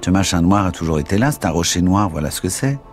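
A man's voice: low voice, lively intonation, fast, music in the background. A man reading a stubborn blunt soldier. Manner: insistent, blunt. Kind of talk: audiobook character reading.

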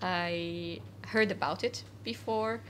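Slow and steady, her voice is on the low side yet fairly bright in tone, with a little hiss or hum. The young woman, from Syria, is a guest in a casual indoor cafe interview and talks earnestly with many fillers and restarts.

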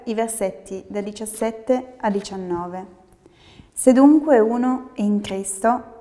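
A woman's voice: fairly high pitch, dark tone, long reverb tail. A young woman reads a Bible passage steadily and carefully, in a room lined with bookshelves. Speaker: scripture reader. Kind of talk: Bible reading.

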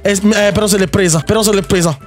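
Excitable high-voiced Italian gamer man. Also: faint music behind. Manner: excitable, rapid repetitions, teasing opponent. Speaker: Minecraft YouTuber. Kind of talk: gameplay commentary.

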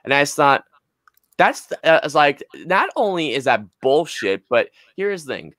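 This young man, in his twenties, co-hosts a podcast from a small room at home, chatting and storytelling in an emphatic, rambling, foul-mouthed style. His fairly high voice is sing-song, unhurried and a bit bright. A close boom-arm desk mic picks him up with no echo.

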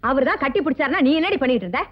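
A woman's voice: high voice, lively intonation, rapid-fire. An actress playing a stern older mother-in-law who scolds sharply in a film comedy. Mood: scolding. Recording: dull lo-fi film soundtrack.

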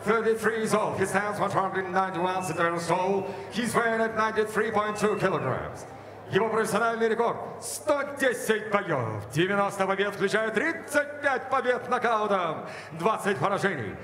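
A middle-aged or older man working as an arena announcer, introducing fights formally and theatrically with drawn-out names and titles over a handheld microphone. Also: expressive, a crowd in the background. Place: boxing ring in a large indoor arena. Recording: booming echoey arena PA with long reverb.

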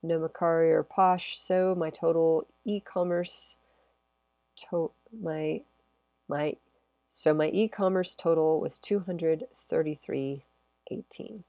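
A woman's voice: low-pitched, steady tone, slow pace, dark tone, no echo. A woman with a congested, nasal voice from a cold, chatting casually through her sales recap, rambling and correcting herself. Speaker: eBay reseller vlogger.

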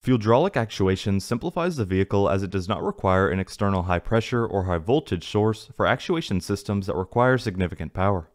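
Lowish male voice reading a script. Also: brisk, few pauses. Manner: even, technical, read from a script. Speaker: narrator of a space news channel. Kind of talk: scripted narration. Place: voice-over, not in the pictured places.

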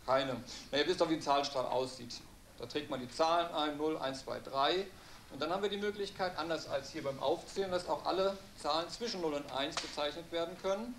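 Echoey higher-voiced maths teacher. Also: male voice, fairly bright tone. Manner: didactic, matter-of-fact. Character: dry, patient male maths teacher. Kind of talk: classroom lecture. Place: classroom at the blackboard. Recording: echoey classroom, faint noise.

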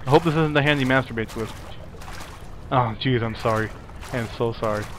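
A man's voice: medium pitch, a little fast, background noise. A young man giving casual let's play commentary, rambling and apologetic, yelping when scared.

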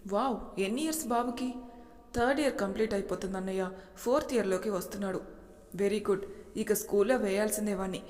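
A woman voicing a friendly young man who speaks warmly and encouragingly, with a long reverb. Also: mid-range voice, fairly quick, natural voice.

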